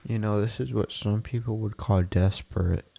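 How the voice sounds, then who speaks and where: A man's voice: fairly low pitch, fairly even intonation, moderate pace, gravelly, warm tone, slight background noise. A sleep-deprived, tired man giving casual, off-the-cuff reaction commentary with slangy, repetitive exclamations. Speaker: reaction video host.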